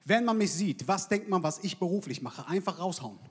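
Sitting high and slightly rough, the man's voice moves briskly with lively intonation. On a large theater stage before a live audience, he delivers a punchy, slangy, brash comedy set into a handheld mic, with crowd reactions audible throughout the hall.

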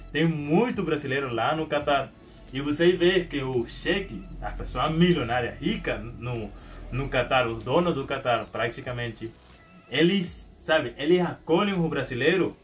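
A young man from Venezuela with a Venezuelan Spanish accent, a Spanish native speaker, talking casually to camera in a small room at home, hesitant with many restarts and repeated words. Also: on the high side. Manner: animated hand gestures. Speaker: YouTuber.

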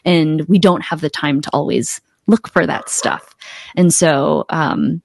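A middle-aged woman's low, gravelly, darkish voice comes through steady and unhurried on a dry, studio-quality recording. As an accountability coach guesting on a casual podcast interview, she shares her experiences and thoughts over video call from a small home room, using a close desktop podcast microphone.

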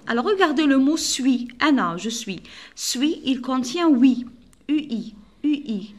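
Woman teacher, fairly high voice, patient, spells out letters for young pupils. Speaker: primary school teacher. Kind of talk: recorded classroom lesson.

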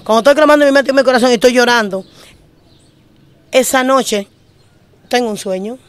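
A woman pastor with a Dominican Spanish accent, telling her testimony with emotion and repeating phrases in quick bursts. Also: fairly high pitch, no room sound. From Dominican Republic. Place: living in Spain.

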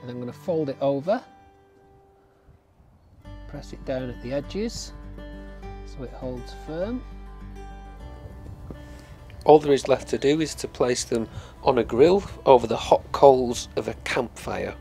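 A man's voice: medium pitch, animated, unhurried, pauses often, mellow, faint music behind. A middle-aged man from England, walking through an outdoor cooking tutorial in a friendly, step-by-step way, recorded outdoors in woodland. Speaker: family nature educator.

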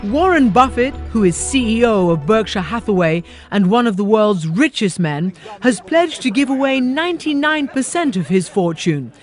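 A woman reading scripted news narration in a measured, emphatic way. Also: on the high side, big pitch swings, soft background music.

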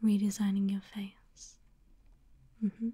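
Young woman whispering slow asmr nurse roleplay, mellow and soft, lots of ums. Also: mid-range voice, completely flat delivery, husky. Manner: whispering, hesitant with many ums; reassuring, clinical. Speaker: ASMR creator playing a pre-surgery nurse.

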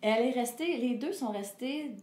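Sitting in a living room with a fireplace, a middle-aged Québécois singer talks candidly as an interview guest, her French accent clear. She's earnest and reflective, hesitating often and laughing as she speaks, with a voice on the high side, expressive and a little mellow at a moderate pace. The indoor recording is echoey with faint hiss.

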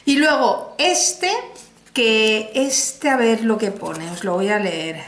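A woman's voice: fairly high pitch, slow pace, fairly bright tone. A middle-aged woman from Spain with a Spanish accent, chatting casually to viewers as she reviews a makeup haul, exclamatory and talking straight to the camera. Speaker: beauty vlogger. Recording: echoey room, faint noise.

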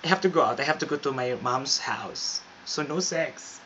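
Self-flattering Filipino woman, dull lo-fi. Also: rumbling low, moderate pace. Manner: mock-confident, self-flattering, deadpan boasting. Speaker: vlogger. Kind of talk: comic monologue to camera. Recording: dull lo-fi with faint hiss.

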